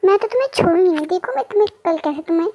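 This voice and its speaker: A feisty, hot-tempered young woman, played by a woman in a homemade fan audio story. The voice sits very high and lets fly with indignant threats against the young man who insulted her. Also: lively intonation, racing, dry recording, dull audio. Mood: defiant. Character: feisty young woman, quick to pick fights.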